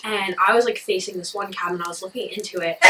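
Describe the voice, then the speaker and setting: A young woman casually telling a story in a puzzled, rambling way, as if piecing together a dream, with animated quoted asides. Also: medium pitch, quick pace, recorded from a distance, heavy background noise. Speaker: vlogger recounting a dream.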